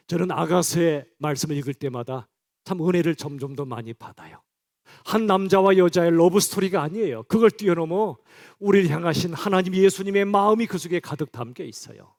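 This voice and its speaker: Male pastor, higher-pitched voice, preaching to his congregation in a direct, chatty way. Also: gravelly, a little mellow. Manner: direct, conversational address to the congregation. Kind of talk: sermon. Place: church.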